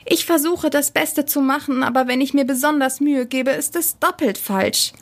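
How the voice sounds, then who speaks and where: A timid young bunny girl with a lifted, sweet voice, earnest and unsure of herself, as a woman reads her in a storybook. She speaks slowly and gently, with a bright, hopeful ring. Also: fairly high pitch, animated, breathy edge, exaggerated voice. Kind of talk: storybook reading.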